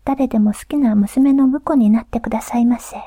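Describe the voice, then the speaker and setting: A woman's voice: on the high side, fairly even intonation, moderate pace, dark tone, no room sound, studio quality, lightly acted. Woman whispering as a polite warbler-spirit mother. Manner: courteous, formal whisper.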